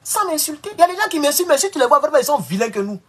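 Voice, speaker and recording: A man fires off a rambling, casual live-stream monologue to his viewers, his pitch swinging widely as he shifts from loud, high outbursts to low mutters at a rapid clip.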